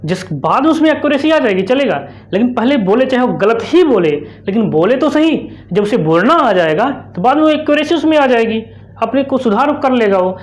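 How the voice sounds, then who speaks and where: A young woman with an Indian accent teaching an online exam-prep lesson, putting quick questions to the class and answering them herself, repeating the key terms. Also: a little high, lively intonation. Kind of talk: explanatory online lecture.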